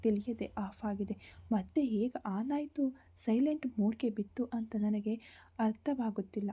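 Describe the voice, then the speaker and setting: A woman voicing a young husband calmly comforting his wife on the phone, in a low breathy voice. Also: a little slow. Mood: reassuring. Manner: soft, calming. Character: young husband, gentle, reassuring.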